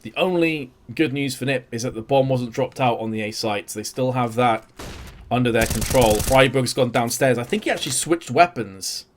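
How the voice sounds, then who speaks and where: Calling a live esports match play by play, a young male caster speaks at medium pitch and a moderate pace. His energy climbs and dips as the action unfolds.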